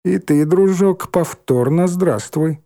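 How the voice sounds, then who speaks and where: A man's voice: fairly high pitch, very animated, dark tone, voice pushed up. Man doing a sly, oily teenage bully. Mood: oily, mocking. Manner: oily mock-politeness, drawn-out words. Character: menacing teenage bully boy, mock-polite and sly.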